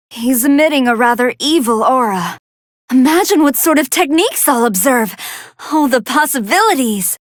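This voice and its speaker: A woman voicing a gentle, earnest young female android scientist who gives polite, precise fight commentary in a video game. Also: high voice, no room sound, clean studio sound. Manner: polite, precise, analytical, expressive. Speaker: match commentator.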